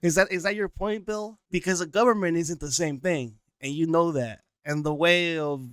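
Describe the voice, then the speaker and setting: A man's voice: a little high, moderate pace, smooth, dry recording, studio quality. A man giving casual, sarcastic reaction commentary, often stumbling and repeating words.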